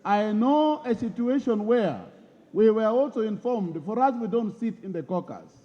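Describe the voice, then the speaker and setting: A male member of parliament speaks earnestly, his voice high and lively as it rises and falls. The dull broadcast audio carries a long reverberant tail from the chamber. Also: normal speed. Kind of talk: parliamentary speech.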